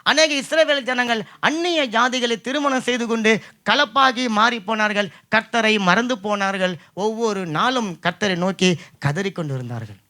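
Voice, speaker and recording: Male pastor, high, very bright sharp voice, fervent sermon delivery. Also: moderate pace. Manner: fervent preaching, calls for amen.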